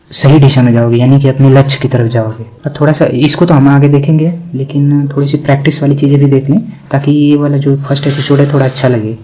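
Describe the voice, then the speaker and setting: Male coaching teacher, slightly lo-fi. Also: medium pitch. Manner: conversational, addresses viewers directly with repeated fillers. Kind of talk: motivational lecture to exam aspirants.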